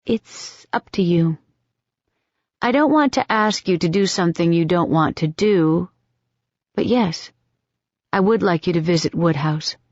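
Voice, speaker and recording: A woman's voice: fairly low pitch, measured pace, long pauses, no room sound. A woman voicing a spirited, stubborn young woman who talks in a wry, teasing and determined way. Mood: earnest. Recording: dull, dry audiobook recording.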